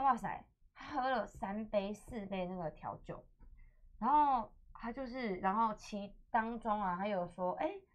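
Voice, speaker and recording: A young woman with a Taiwanese Mandarin accent hosts a radio chat from a studio, telling stories in which she acts out the dialogue and laughs often. Her voice is mid-range and the audio sounds dull. She comes across as an animated storyteller.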